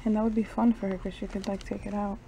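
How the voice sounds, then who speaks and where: A young travel vlogger talks at a quick pace in a dark, medium-pitched voice with little pitch movement, over slight background noise. She's casually narrating her vlog while shopping indoors at shops and a mall, chatty, thinking aloud, and hedging with "I don't know," filmed on a handheld camera at arm's length.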